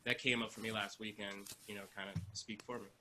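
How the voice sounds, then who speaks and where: A musician and educator introducing himself casually over a video call, soft-spoken and humble with many pauses. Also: male voice, lowish voice, flat delivery, poor audio.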